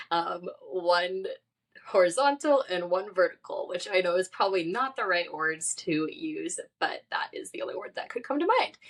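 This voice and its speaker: Chatty young woman podcast host, low voice. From San Diego, California. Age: 20s. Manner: chatty and upbeat, laughs often, says "like" and "literally". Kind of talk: casual solo podcast monologue.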